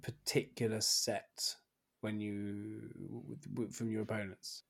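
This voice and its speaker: A man interviewing casually, asking questions in a halting way and repeating his phrases as he goes. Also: on the low side, little pitch movement, vocal fry.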